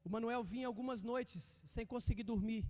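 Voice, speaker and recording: A man in his thirties with a Brazilian Portuguese accent preaching a sermon. He calls out to the congregation with fervor and builds up to shouting. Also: very high-pitched, fairly even intonation, moderate pace. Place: church hall. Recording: reverberant church hall.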